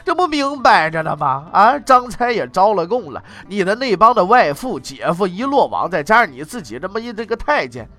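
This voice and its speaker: A man's voice: sits high, very animated, normal speed, hardly any pauses, fairly bright tone, faint music behind, pitched above the performer's own voice, full character voice. A man voicing an exasperated middle-aged emperor who scolds bluntly in casual speech. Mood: scolding.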